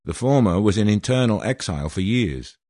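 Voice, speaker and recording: A Welshman in his sixties reads a prepared statement aloud, sounding formal, grandiose and aggrieved. His voice is somewhat low, warm and expressive, moving a little fast. The recording is dry and close, with no room sound.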